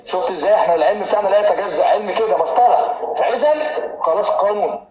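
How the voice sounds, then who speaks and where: A man with an Egyptian Arabic accent gives a lively medical lecture in a hall, teasing students and drilling terms by repetition. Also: high-pitched, racing, muffled recording.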